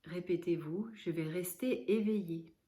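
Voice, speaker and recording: Woman, slow and soft-spoken, guided relaxation read with long pauses. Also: lowish voice. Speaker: yoga nidra guide.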